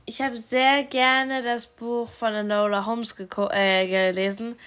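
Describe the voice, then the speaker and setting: A woman chatting in a casual question game, talking with headphones on over loud music that she alone hears. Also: on the high side, flat delivery, a little slow, clear, resonant tone. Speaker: challenge guest.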